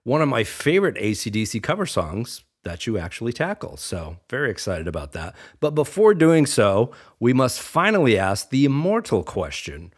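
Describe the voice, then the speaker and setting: A man's voice: mid-range voice, sing-song, normal speed, few pauses. A man hosting an interview, enthusiastic and polished like a presenter. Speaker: interviewer, show host. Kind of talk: podcast interview.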